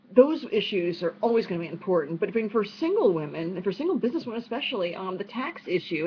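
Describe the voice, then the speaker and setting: A woman with a New York accent talks fast and casually, answering audience questions in a chatty way and restarting her sentences often. Her voice comes through a dull, lo-fi online stream. Faint noise runs underneath. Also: lowish voice. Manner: quick-talking, chatty with many fillers and restarts. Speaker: speaker at an online unconference.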